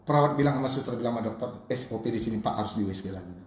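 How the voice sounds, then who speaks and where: A middle-aged man from Indonesia, a pastor giving a sermon with personal testimony, swinging from quiet storytelling to loud, high-pitched preaching and calling the congregation brothers and sisters. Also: racing, reverberant, slight background noise. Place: church.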